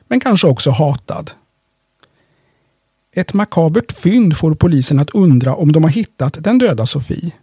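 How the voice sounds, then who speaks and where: A man reading library audiobook tips from a script in a measured, steady way. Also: a little high, breathy edge, dry recording, clean studio sound.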